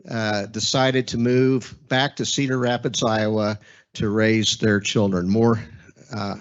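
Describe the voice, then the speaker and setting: A man hosting an event, reading a speaker introduction with relaxed asides and fillers. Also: mid-range voice, muffled recording. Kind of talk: introduction speech.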